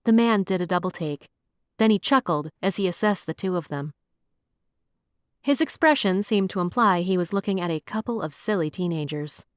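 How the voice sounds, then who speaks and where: A woman narrating a romance audiobook in an even, measured storytelling voice. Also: fairly low pitch, no echo, studio quality.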